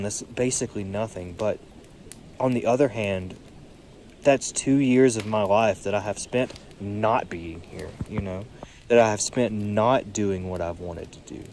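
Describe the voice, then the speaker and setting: A man's voice: lowish voice, darkish tone, slight background noise. Tired young man musing outdoors. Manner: musing, fills pauses with "you know". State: tired, yawning. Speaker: podcast vlogger. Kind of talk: reflective solo monologue. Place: outdoors, seated beside a creek. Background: faint creek water and birdsong.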